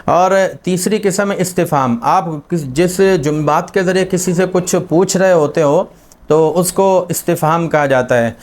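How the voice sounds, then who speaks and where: A man teaching a grammar lesson, explaining patiently with many examples and fillers. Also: a little high. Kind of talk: spoken lesson on Arabic grammar.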